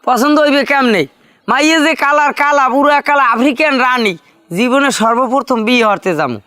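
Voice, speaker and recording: Man playing a loud young village bachelor, rude and whiny, high-pitched, broad rural dialect. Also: a little fast, smooth, dry recording. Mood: complaining. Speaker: actor in a village comedy drama. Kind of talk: rural comedy drama acting.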